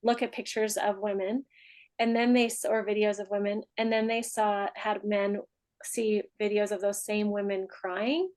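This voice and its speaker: A mastermind group leader with a medium-pitched, flat voice runs a group coaching session, chatting freely and laughing often. She drifts into a soft, slow voice for a guided meditation, and the recording is rough.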